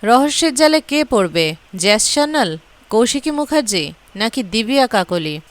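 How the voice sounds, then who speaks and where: A woman reading as a sharp, commanding woman sleuth. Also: on the high side, very animated, moderate pace, dry recording. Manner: firm, commanding. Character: sharp-witted woman detective, calm and commanding.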